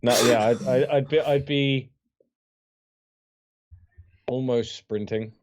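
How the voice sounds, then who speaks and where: A man's voice: mid-range voice, steady tone, takes it slowly, a little mellow, slight background noise. A man with a mid-range voice plays a tabletop game. He thinks aloud, stops and restarts, and talks through his plans in a casual way. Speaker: player.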